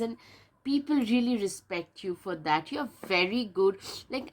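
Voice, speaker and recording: A woman with a blocked, stuffy nose talks through a tarot reading in a loose, chatty way. She leans on fillers and says the same words twice. Her voice sits in an ordinary middle pitch. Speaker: tarot reader. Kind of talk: casual tarot reading to camera.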